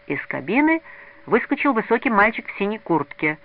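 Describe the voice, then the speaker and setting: A man reading a story aloud in an expressive way. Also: sits high, normal speed. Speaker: narrator. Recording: narrow lo-fi radio recording.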